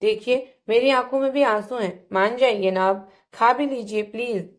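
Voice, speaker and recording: A woman's voice: a little high, moderate pace, natural voice. A woman voicing a childlike, pleading young man. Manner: pleading, repeats requests like a child.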